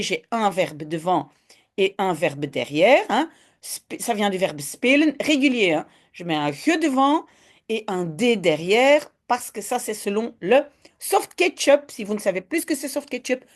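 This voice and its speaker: A woman language teacher reading a children's story aloud and then explaining grammar, in a slow, expressive, explanatory way. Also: mid-range voice.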